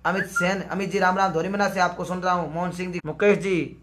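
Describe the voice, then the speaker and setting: A man's voice: sits high, level tone, a little fast, fairly bright tone, slight background noise. A man with a sore, strained throat, hosting a live stream and greeting viewers by name one after another. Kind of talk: live stream chat, reading out viewer comments.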